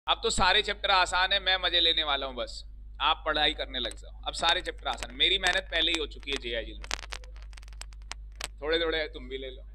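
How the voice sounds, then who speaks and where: Bright-voiced man teaching a law class. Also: fairly high pitch, a little hiss or hum, poor audio. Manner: joking, teasing students, quizzing them. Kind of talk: classroom lecture with banter.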